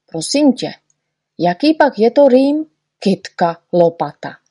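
A woman's voice: fairly high pitch, sing-song, dark tone, no room sound, studio quality, pitched above the performer's own voice. A woman voicing a fussy little male poet in a storybook reading, patiently explaining and correcting. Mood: lecturing.

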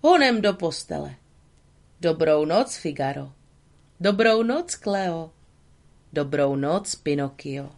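A woman voicing a kindly elderly male woodcarver in a storybook reading, with excited exclamations. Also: sits low, long pauses. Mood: bustling.

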